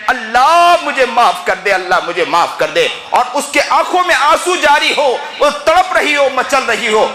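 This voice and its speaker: A man preaching an impassioned sermon in a mosque, rising to shouts and voicing family members in his stories. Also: extremely high pitch, echoey room, poor audio. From India. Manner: impassioned, rising to shouts, voices mother and child in quotes.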